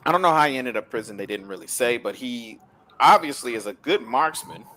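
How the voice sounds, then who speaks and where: A man's voice: mid-range voice, animated, fairly quick, pushed and bright. A man hosting a casual film discussion, recapping plots with frequent laughter. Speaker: host.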